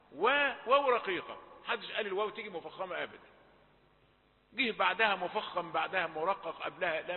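A man with an Egyptian accent teaching recitation rules, moving between formal and colloquial speech and drawing out example words slowly. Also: high voice. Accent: Egyptian Arabic. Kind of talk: tajweed lesson. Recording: tinny phone-like audio, long reverb.

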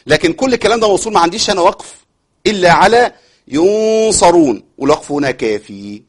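A man's voice: sits high, animated, husky. Egyptian man teaching Quran recitation. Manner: recites verses slowly then explains briskly; repeats sounds to demonstrate pronunciation. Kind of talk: broadcast recitation lesson with callers.

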